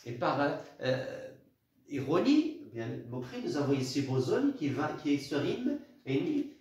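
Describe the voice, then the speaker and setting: A man teaching a literature lesson, halting and repeating words, counting syllables aloud. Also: on the high side, big pitch swings, a little mellow. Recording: very echoey room.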